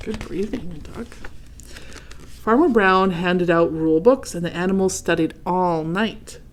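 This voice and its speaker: A woman with a lowish voice hosts a read-aloud, expressively reading a children's storybook. She pauses to ask her young listeners questions and add comments.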